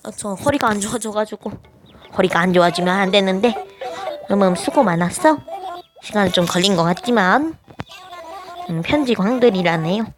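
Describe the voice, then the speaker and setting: A woman with a naturally high voice, chatting casually as she plays a life-sim game, hesitant and full of little filler sounds. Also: moderate pace, long pauses, noisy background. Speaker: game streamer. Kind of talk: casual gameplay commentary.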